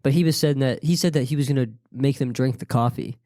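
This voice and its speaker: A man co-hosting a podcast, talking haltingly about a movie, with plenty of "like" and restarts. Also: medium pitch, steady tone, warm tone, no echo, clean studio sound. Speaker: podcast co-host. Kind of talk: casual movie review chat.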